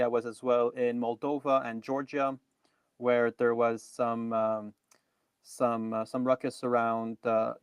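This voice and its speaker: A man's voice: medium pitch, clear, resonant tone, dry recording. A man co-hosting a live online news review, talking casually with many ums and restarts. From Canada. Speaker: co-host.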